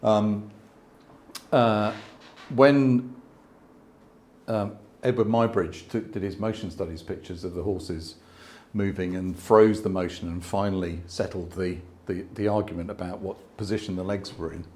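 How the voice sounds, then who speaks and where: Hesitant, low-voiced older man discussing photography. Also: steady tone, unhurried, darkish tone. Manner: thoughtful, hesitant, with many restarts and asides. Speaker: landscape photographer. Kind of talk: conversational exhibition talk. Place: exhibition space before an audience.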